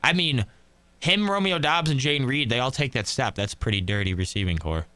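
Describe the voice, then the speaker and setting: Young new guy on college radio, bright punchy voice, dry studio sound, chatty about football. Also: medium pitch, brisk, dry recording. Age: young adult. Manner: chatty, confident sports opinions. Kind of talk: casual sports chat.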